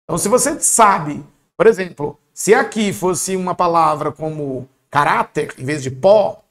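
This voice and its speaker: Teaching an online exam-prep class in a slightly high, unhurried voice, this man keeps the tone lively, colloquial, and encouraging, and he checks in with his students often.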